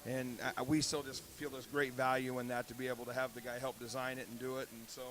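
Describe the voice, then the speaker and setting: A man's voice: medium pitch, little pitch movement, fast talker, crowd noise. A man from a bat company chatting in a broadcast booth, thoughtful and explaining at length. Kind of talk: casual broadcast booth chat.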